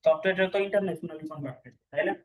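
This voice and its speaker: A male tutor teaches an online class over a video call. His voice sits a little high, and he walks students through each point, often asking if they follow. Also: very fast, poor audio. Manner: explains step by step, checks understanding often. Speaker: PTE exam instructor.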